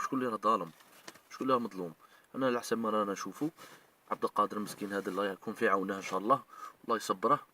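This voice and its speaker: An online commentator with an Algerian Arabic accent rants and scolds emotionally in a heated video, speaking straight at the people he means. His medium-pitched voice is pushed and bright, on a dry recording made from a distance.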